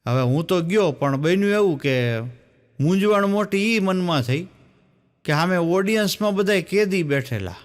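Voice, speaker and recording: A man's voice: sits high, lively intonation, normal speed. A male stand-up comedian, telling jokes as stories and acting out the dialogue. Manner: storytelling, acts out the dialogue in his jokes. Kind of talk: Gujarati folk joke telling.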